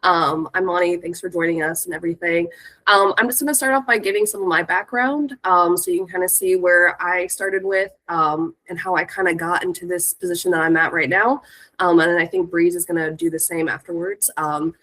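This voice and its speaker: Speaking briskly in a lowish, fairly bright voice, this American woman in her thirties is a guest speaker from the music industry. She's from Northern California and has a cold, so she sounds stuffy as she chats informally about herself, and the audio quality is poor.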